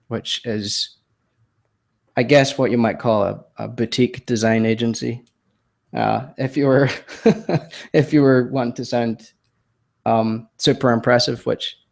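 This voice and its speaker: A Scottish man in his thirties, his accent softened by years living in the US, tells his story as a guest on a podcast. His voice is fairly low and creaky, and in casual chat he sounds hesitant and self-deprecating, with lots of ums and restarts.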